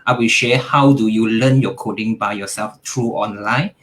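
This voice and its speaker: A Malaysian man teaches in an online workshop, laying out each point calmly and plainly. His voice sits somewhat low. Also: normal speed. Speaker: technical trainer. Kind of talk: online technical lesson.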